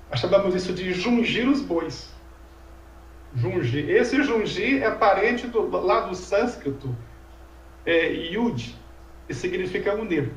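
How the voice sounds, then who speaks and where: A man's voice: sits high, highs cut off. A man teaching language in an informal lecture conversation, explaining patiently and asking rhetorical questions. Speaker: Sanskrit teacher. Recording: echoey room, voice from far off mic.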